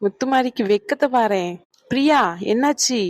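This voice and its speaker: A woman voicing a bustling female relative in a cartoon who briskly organizes a wedding. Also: sits high, no echo, studio quality, natural voice. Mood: bossy. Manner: brisk, bossy instructions.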